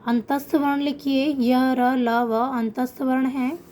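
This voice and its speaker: A woman teaching an online Sanskrit class to children, explaining patiently and slowing down to pronounce example words. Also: high-pitched, steady tone, darkish tone.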